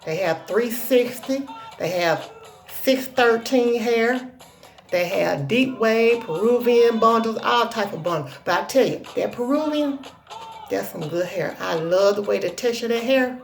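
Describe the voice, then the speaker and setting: A woman vlogger speaks with a deep Southern accent and a strongly creaky edge to her voice. Her talk is folksy, casual and self-assured, with a sassy country flavor. Music plays clearly behind her. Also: expressive, unhurried. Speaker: hair tutorial vlogger. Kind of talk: casual chat to viewers.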